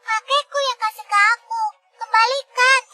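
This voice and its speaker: A woman's voice: very high-pitched, steady tone, moderate pace, sharp tone, faint music behind, exaggerated voice. A woman dubbing a brave, defiant four-year-old girl in a drama, with an insistent, childlike way of talking. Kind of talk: dubbed drama acting.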